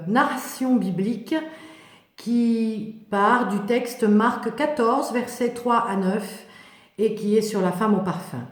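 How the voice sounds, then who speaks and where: A woman giving a dramatic biblical narration in a solemn, measured, declamatory way with deliberate pauses. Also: medium pitch. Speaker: church minister or narrator addressing parishioners. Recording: echoey, reverberant room.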